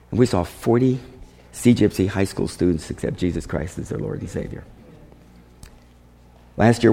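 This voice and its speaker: In a reverberant hall, a missionary speaker shares stories as a testimony to a congregation. His lowish voice is gravelly and mellow, and he animatedly acts out the dialogue of who said what.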